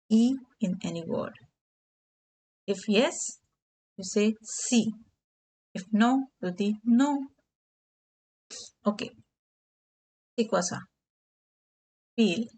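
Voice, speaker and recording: A woman teaching beginner French, giving English glosses and repeating key words slowly. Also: mid-range voice, a little mellow, a little hiss or hum. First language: Hindi.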